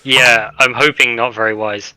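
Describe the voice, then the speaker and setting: A man's voice: mid-range voice, fairly even intonation, normal speed, sharp tone, smooth, rough recording. A man chatting casually as a player in a tabletop role-playing game.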